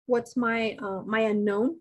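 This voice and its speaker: A female nursing instructor works through a dosage problem during a live online lecture, thinking aloud with many restarts and putting questions to her class. Her voice is fairly high, steady and measured, and she is indoors on a webcam beside shared slides.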